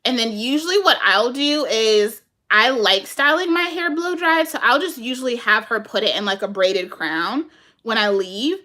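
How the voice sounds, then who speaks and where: A woman's voice: a little high, moderate pace. Chatty, laughing woman vlogger. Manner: chatty and animated, laughs often, addresses viewers as y'all. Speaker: vlogger answering viewer comments. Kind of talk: casual chat with viewers.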